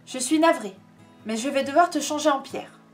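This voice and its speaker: Woman voicing a witch, calm and sorry but ruthless, high voice, music faint behind. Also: normal speed, natural voice.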